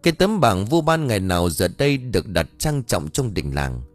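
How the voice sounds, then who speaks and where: A man reading a story aloud as a storyteller, with an expressive, dramatic delivery. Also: lowish voice, normal speed, dry recording, faint music behind. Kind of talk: scripted audiobook narration.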